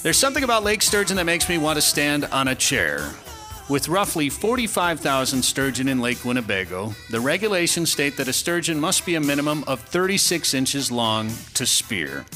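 Lively upbeat male radio quizmaster. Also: on the high side, moderate pace, soft background music. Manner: upbeat, laughing, puts on a game show voice. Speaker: radio show host and quizmaster. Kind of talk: casual radio quiz chat.

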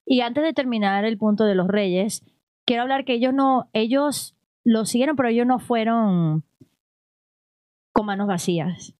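A woman's voice: a little high, normal speed, no room sound, studio quality. Chatty woman musing on faith. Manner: animated, rambling, frequent "o sea" and "¿ok?". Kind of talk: casual religious conversation.

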